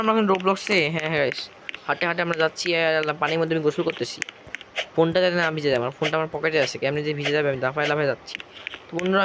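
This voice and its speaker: Hoarse bangladeshi guy rambling thru gameplay, talks fast, lots of traffic noise behind. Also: fairly high pitch. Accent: Bangladeshi Bengali. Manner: rambling, chatty, keeps circling back with the same filler. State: hoarse from a cough. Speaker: gaming YouTuber. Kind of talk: casual gameplay commentary.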